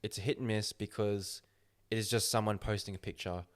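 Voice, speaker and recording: Male podcast host, low-pitched, speaks slowly and deliberately with firm opinions. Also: steady tone. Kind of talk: casual podcast chat.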